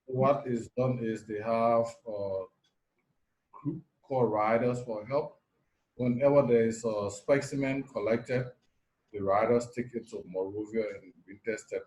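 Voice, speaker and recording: A man from Liberia, a nurse anesthetist, giving measured factual answers with pauses and fillers in a video call interview. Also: medium pitch, steady tone, a little mellow, low-quality recording.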